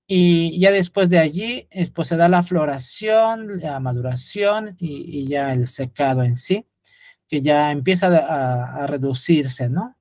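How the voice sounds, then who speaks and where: A man's voice: fairly high pitch, takes it slowly, darkish tone, no echo, studio quality. A man gives an unscripted lecture, often hesitating with fillers and restarts while pointing things out on a chart.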